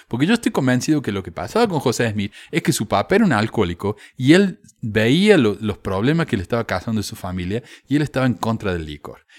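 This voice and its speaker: Low-voiced man, sardonic commentary. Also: dry recording, studio quality. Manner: sardonic, frank, with fillers and restarts. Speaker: commentator on religious texts. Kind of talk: casual spoken commentary.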